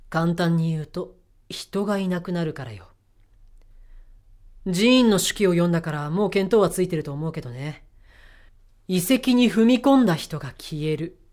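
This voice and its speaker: In an audio drama, a woman plays a bossy, sharp-tongued mission leader who is blunt and self-assured, with feminine phrasing. Her voice is lowish and close to how she would normally speak.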